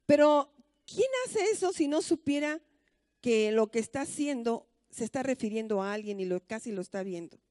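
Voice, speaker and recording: A woman pastor with a Mexican accent preaches in a high, bright-pitched voice. She tells stories to her church and keeps asking rhetorical questions. The sound is close and dry, with little room around it. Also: moderate pace, no room sound. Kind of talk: conversational sermon.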